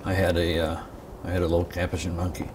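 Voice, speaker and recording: Deep-voiced old veteran man remembering. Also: little pitch movement, fast talker. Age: older. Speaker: military veteran interviewee. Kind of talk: interview reminiscence. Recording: distant mic, clear background noise.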